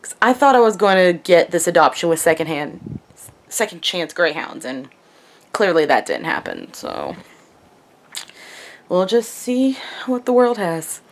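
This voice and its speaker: A woman's voice: lowish voice, wildly swooping pitch, unhurried, pauses often. A young woman vlogger talking casually to the camera in a video diary. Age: young adult. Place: small wood-paneled room at home.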